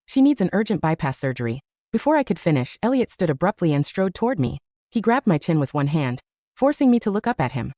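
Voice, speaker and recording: A woman narrating a first-person romance audiobook story in an expressive storytelling manner. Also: on the low side, fast, no echo, clean studio sound.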